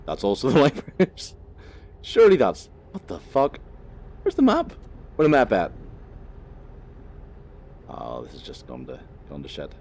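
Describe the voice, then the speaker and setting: A young gaming channel host from Northern Ireland chats casually over his gameplay, rambling, swearing freely and laughing at himself. His fairly low, a little mellow voice swoops wildly in pitch at a measured pace, with frequent pauses.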